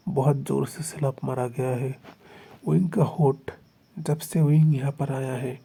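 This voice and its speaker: A man's voice: mid-range voice, vocal fry, warm tone, slightly rough. A man narrating a fan fiction story aloud in a dramatic, emphatic way. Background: faint music.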